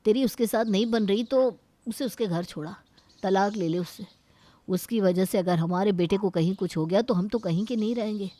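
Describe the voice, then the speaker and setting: A woman's voice: medium pitch, normal speed, mellow, lightly acted. A woman voicing a stern, traditional older father in a cartoon story, lecturing about family honor. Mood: worried.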